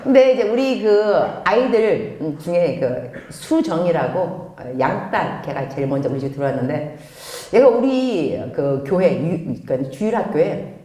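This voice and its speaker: A middle-aged woman pastor giving a lively sermon, telling stories with acted-out dialogue. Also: lowish voice, measured pace. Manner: animated storytelling with acted quotes and laughter. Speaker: pastor and missionary. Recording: echoey hall.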